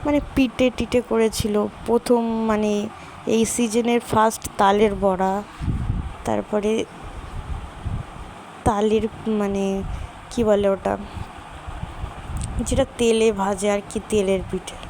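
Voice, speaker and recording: A woman's voice: medium pitch, fairly even intonation, slow, pauses often, rough recording. A young woman and new mother from West Bengal, chatting casually to viewers at home with lots of fillers. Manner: chatty, rambling with many fillers. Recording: loud background noise.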